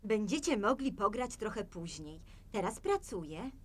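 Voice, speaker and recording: A woman voicing a calm, sensible mother pig in a dubbed cartoon, patient and gently firm. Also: mid-range voice, normal speed, slightly rough.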